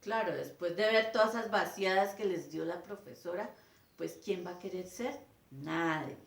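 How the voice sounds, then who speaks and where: At normal speed and with vocal fry in her low voice, a woman teacher lectures and acts out scenes between a teacher and children. She's animated, changing voices for each role, and the room echoes.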